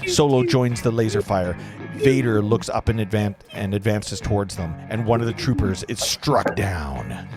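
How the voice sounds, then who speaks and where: With music in the background, a man with a lowish voice reads a screenplay's stage directions at a table read, serving as narrator. He goes at a moderate pace, earnest in tone, tripping over the odd word.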